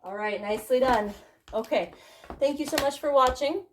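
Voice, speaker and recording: A high-voiced woman at normal speed counts beats aloud and cheers on her students while teaching a tap dance step, slightly breathless from dancing. Tap shoes click in the background of the echoey dance studio, which is loud with noise.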